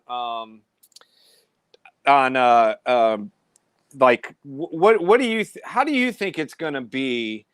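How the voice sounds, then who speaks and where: A man hosting a casual faith discussion, talking in a halting way with many restarts. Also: mid-range voice, a bit bright, clear, resonant tone, no room sound. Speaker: host. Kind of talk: casual discussion on a live stream.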